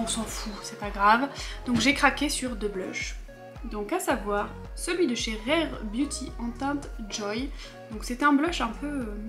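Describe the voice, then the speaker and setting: A young woman doing a casual beauty haul at home, chatty and rambling, a bit riled up and poking fun at herself. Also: on the high side. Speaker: beauty vlogger. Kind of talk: casual haul chat to camera.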